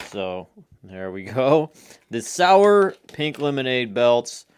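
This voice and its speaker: Slow-talking man eating sour candy on camera. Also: medium pitch, sing-song, clean tone. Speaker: candy reviewer. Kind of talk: casual review chat to viewers.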